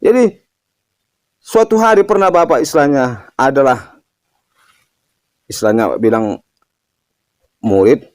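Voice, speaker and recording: A man's voice: medium pitch, measured pace, pauses often, a little mellow, no echo. An older man giving a casual spiritual talk, telling stories and often ending phrases with a tag question. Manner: storytelling, ends phrases with "kan gitu". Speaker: religious teacher answering a question.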